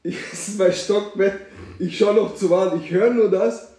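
A young man tells a story to his friends, slangy and animated, acting out the scenes. His voice is a little high and mellow. The room around him is echoey. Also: normal speed, distant mic. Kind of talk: casual storytelling among friends.

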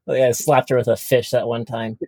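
A married man co-hosting a casual podcast, talking slowly and giggling at himself. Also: medium pitch, little pitch movement, warm tone, no echo. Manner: slow, giggly, self-mocking. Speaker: podcast co-host. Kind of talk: casual chat.

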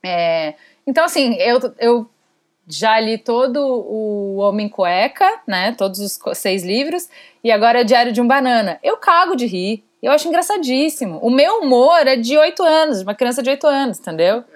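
A woman's voice: on the high side, lively intonation, moderate pace. A woman in her thirties with a Brazilian Portuguese accent, giving a candid interview as a guest and talking bluntly and ironically with a fair bit of swearing. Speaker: podcast host as interview guest.

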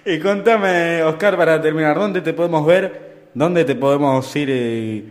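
A man's voice: fairly high pitch, measured pace. A man with an Argentine Spanish accent hosting a radio interview, encouraging his guest and laughing easily. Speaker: radio host. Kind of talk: casual interview.

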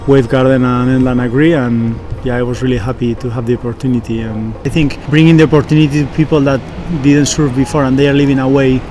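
Halting Basque-accented man, even pitch. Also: soft background music, rough recording. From Basque Country, Spain. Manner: hesitant, halting phrasing with frequent searching pauses. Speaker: professional surfer and engineer, interview guest. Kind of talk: conversational interview answers.

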